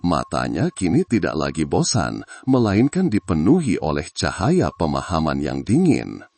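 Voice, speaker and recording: Deep, husky male storyteller. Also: huge pitch swings, moderate pace, a little mellow. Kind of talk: scripted story narration.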